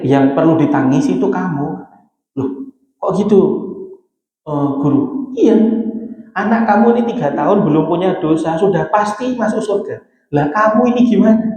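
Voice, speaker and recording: A man's voice: on the high side, a little mellow. A man giving a folksy, joking Islamic sermon in a mosque, often calling his listeners "Pak". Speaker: ustadz preacher. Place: mosque hall. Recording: echoey mosque hall with long reverb.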